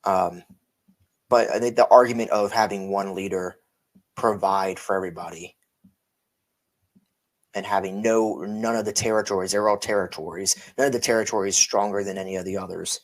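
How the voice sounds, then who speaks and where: A man's voice: low voice, steady tone, normal speed. A tired man co-hosting a casual podcast chat, rambling and correcting himself as he goes. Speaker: podcast co-host.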